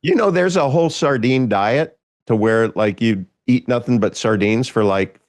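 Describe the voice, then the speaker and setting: A man's voice: mid-range voice, moderate pace, dry recording. A man from Kansas hosting a casual podcast chat, rambling and restarting his sentences and chuckling often. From Kansas, United States. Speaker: podcast host. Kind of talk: casual conversation.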